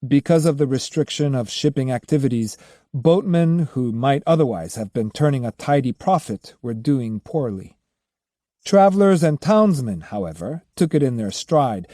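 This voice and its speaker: A man narrating a novel in an audiobook, expressive and measured. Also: medium pitch, dry recording, clean studio sound. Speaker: audiobook reader.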